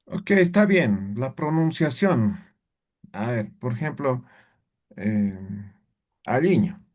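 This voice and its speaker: A man's voice: mid-range voice, expressive, slow pace, darkish tone. A male language teacher correcting his students' pronunciation in an online class, speaking patiently and hesitantly with many fillers. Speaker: Aymara teacher.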